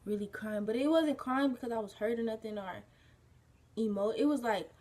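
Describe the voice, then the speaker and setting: A teenage girl with a husky just-woken-up voice, telling a personal story as a vlogger in a rambling casual way, full of "like" and "you know". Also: a little high, fairly quick, a little mellow. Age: teens.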